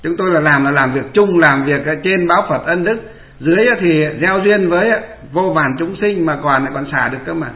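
A man's voice: a little high, normal speed. A man, a Buddhist monk giving a dharma talk and asking his listeners rhetorical questions. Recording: echoey room over a tinny line.

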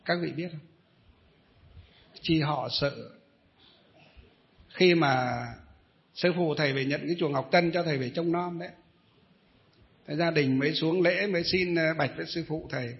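A middle-aged Buddhist monk tells a long story to his listeners in a high voice. He rambles, pauses on fillers and throws questions at the audience. The recording sounds dull and lo-fi. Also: creaky. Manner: rambling storyteller, many hesitations, addresses listeners. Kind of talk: storytelling dharma talk.

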